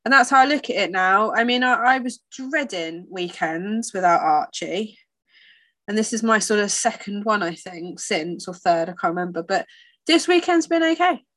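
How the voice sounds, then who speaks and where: Woman just chatting openly, reflective, informal, normal pitch. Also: lively intonation, normal speed, a bit bright. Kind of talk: casual, confiding conversation.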